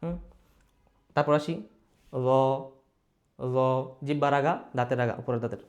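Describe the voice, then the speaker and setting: A man teaching Quran recitation, explaining each letter patiently and sounding out letters loudly for practice. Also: medium pitch, fast. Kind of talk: slow explanatory lesson.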